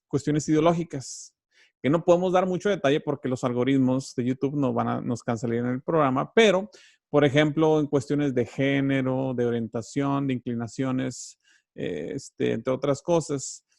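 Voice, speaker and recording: A man, hosting an interview, asking long, animated and rambling questions. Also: mid-range voice, normal speed, creaky, dry recording, studio quality. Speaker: host.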